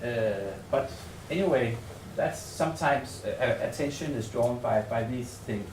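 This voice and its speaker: A man from Denmark, speaking with a Danish accent and an ordinary male pitch, delivers a semi-improvised conference presentation of his research. He hesitates a lot, repeating words as he gropes for phrasing. It's recorded in an echoey hotel seminar room from a distance, with faint noise in the background.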